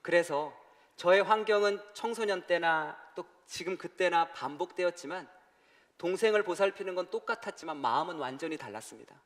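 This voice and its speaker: A man preaching in a church sanctuary, telling a story and acting out the voices in it. His voice sits a little high, and a long hall reverb trails behind every phrase. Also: lively intonation, brisk, a bit bright. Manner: storytelling, acts out calls and his brother's voice. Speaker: pastor. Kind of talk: sermon.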